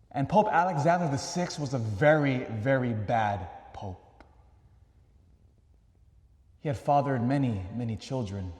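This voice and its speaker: A man preaching a homily as a priest, asking questions and moving from loud emphasis to soft asides. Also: on the high side. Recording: echoey church hall.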